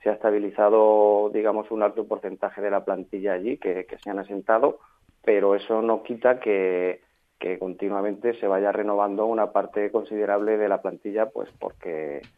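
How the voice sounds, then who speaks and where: A man's voice: lowish voice, fairly even intonation, normal speed. A male association spokesman answers a radio interview by phone, hesitant and thoughtful with many fillers. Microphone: phone line. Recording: tinny phone line.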